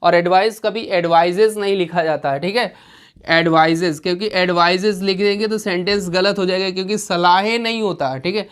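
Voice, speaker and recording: A woman's voice: fairly low pitch, fairly quick, hardly any pauses. A woman teaching an exam-prep grammar lesson, explaining step by step with frequent rhetorical questions and check-ins. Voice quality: clears throat now and then.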